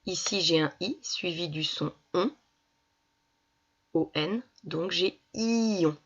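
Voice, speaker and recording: A woman's voice: on the low side, slow, a bit bright, breathy edge. A woman primary school teacher giving a reading lesson to young children, patiently sounding out syllables. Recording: dull lo-fi recording.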